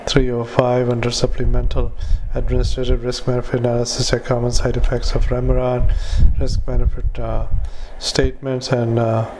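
A man dictating medical notes as a clinician, in clipped fragments with spoken punctuation and formatting commands, in a flat monotone. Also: medium pitch, a little fast, hardly any pauses, a little hiss or hum, low-quality recording.

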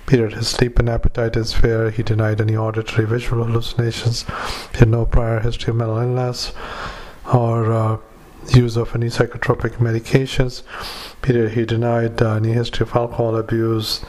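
Man, average pitch, monotone, doctor's dictation, hesitant, halting phrases, matter-of-fact. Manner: halting, hesitant, with frequent long pauses. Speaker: doctor dictating a psychiatric evaluation. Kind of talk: medical dictation with spoken formatting cues.

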